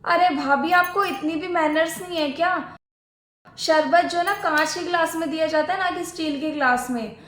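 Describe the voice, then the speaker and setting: A woman's voice: extremely high pitch, normal speed, a bit bright. A woman playing a demanding, bossy married sister-in-law who complains and gives orders, in a homemade family skit. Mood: complaining. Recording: echoey room.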